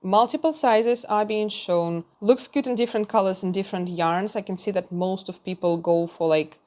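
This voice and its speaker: A woman's voice: mid-range voice, moderate pace, darkish tone. Chatty woman reviewing knitting patterns. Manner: chatty, candid, with small laughs and restarts.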